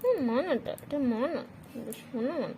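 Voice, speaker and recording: A woman's voice: on the high side, moderate pace, creaky, background noise. A woman at home talking baby talk to her pet, cooing and doting in a sing-song way. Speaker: pet owner.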